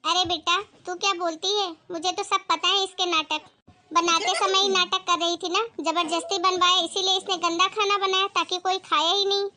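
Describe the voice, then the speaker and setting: A woman's voice: very high-pitched, level tone, moderate pace, slight background noise, full character voice. A woman acting a bossy, cruel mother-in-law who scolds her daughter-in-law in a family drama. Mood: scolding. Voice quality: scolding, sharp-tongued.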